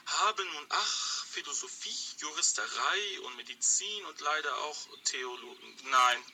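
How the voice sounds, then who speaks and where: A man's voice: a little high, animated, unhurried, sharp tone, a little hiss or hum, heavily acted. An actor playing a loyal but self-important secretary and coachman, polite and a bit pompous. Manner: polite, fussy, a little pompous. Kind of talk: radio play for language learners.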